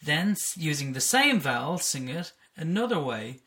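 A singing teacher calmly explaining vocal technique on a podcast, in a patient, explaining way. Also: mid-range voice, normal speed.

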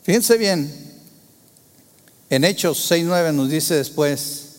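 A man preaching a sermon, asking the congregation rhetorical questions and moving between loud emphasis and hushed tones. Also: fairly high pitch, animated, slow pace, big-room sound.

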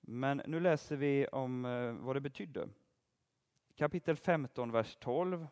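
A man giving an interactive Bible teaching, quizzing his listeners and praising their answers. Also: mid-range voice. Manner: lively, asks the audience questions and praises answers. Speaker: preacher teaching a group.

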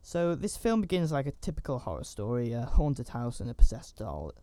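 A film reviewer gives a casual, rambling recap of a horror movie, full of chatty asides and fillers. His voice is medium-pitched and mellow with huge pitch swings, he speaks briskly, and there is no room sound.

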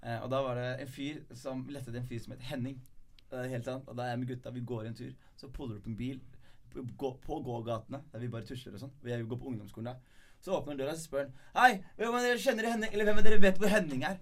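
A young man from Norway, a guest comedian, telling stories in a casual podcast chat with playful bravado. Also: mid-range voice. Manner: animated storyteller, playful bravado.

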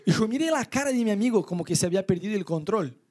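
A young man with a Rioplatense Spanish accent preaching an animated sermon to youth, acting out his stories and inner thoughts. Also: rapid-fire. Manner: lively storyteller, voices his own inner thoughts in high pitch. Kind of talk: animated sermon with acted-out anecdotes.

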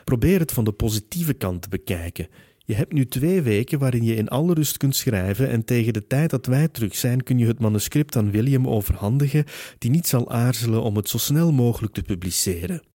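A man voicing a gentle, persuasive Victorian spirit medium woman in an audiobook, with a soothing, reassuring manner. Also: medium pitch, expressive, brisk, no echo, studio quality, natural voice. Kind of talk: audiobook character reading.

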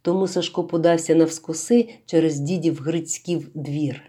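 A woman calmly reading a literary story aloud as narrator. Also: sits low, moderate pace, breathy edge.

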